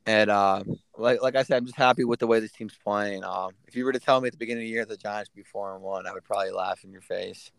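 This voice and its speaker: Talking fast with few pauses, this man co-hosts a sports podcast in a relaxed, casual way, full of fillers and the odd swear word. His voice sits on the low side with vocal fry and fairly even intonation, and the tone is clean in a dry recording.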